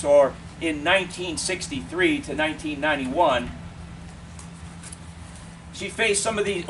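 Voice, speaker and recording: A man preaching a funeral eulogy in measured, deliberate short phrases with pauses. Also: on the high side. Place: funeral service, speaker away from the mic. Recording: distant mic, clear steady air-conditioning noise.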